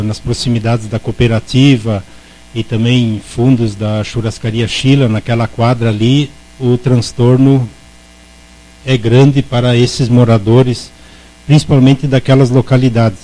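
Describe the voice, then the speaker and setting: A man's voice: mid-range voice, little pitch movement, a little slow, mellow, rough recording. A man with a Brazilian accent, a city councillor giving a formal speech in a council session, repeating words as he searches for them. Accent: Brazilian Portuguese. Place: municipal council chamber.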